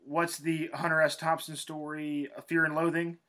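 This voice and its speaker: A man's voice: a little high, level tone, normal speed, bright, forceful tone. A man co-hosting a podcast, dropping joking asides and sarcastic quips. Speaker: podcast co-host. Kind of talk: casual sports chat.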